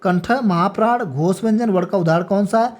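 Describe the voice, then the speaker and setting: Speaking briskly in a medium-pitched, somewhat dark voice, a female teacher goes through multiple-choice exam questions and their options. Each answer gets a quick confirmation, and she repeats a checking "ठीक है" after every one, as in an exam practice lecture.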